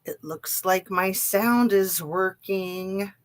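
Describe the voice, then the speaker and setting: A woman's voice: mid-range voice, takes it slowly. A woman hosting a casual live true crime stream, chatting to viewers in a rambling way, her diction slightly impeded by braces and wax in her mouth.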